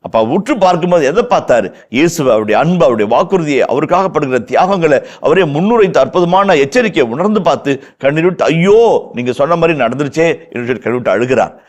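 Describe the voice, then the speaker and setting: Impassioned Tamil-accented priest teaching scripture. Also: male voice, fairly high pitch, expressive, fast, hardly any pauses, a little mellow. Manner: impassioned, repeats phrases for emphasis, acts out quoted lines. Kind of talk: verse-by-verse Bible teaching.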